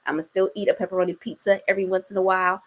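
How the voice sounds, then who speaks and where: A woman in her 40s, a guest in a casual interview chat, talks very fast in a steady, mid-range voice. She's outspoken and casual, using slang and some swearing.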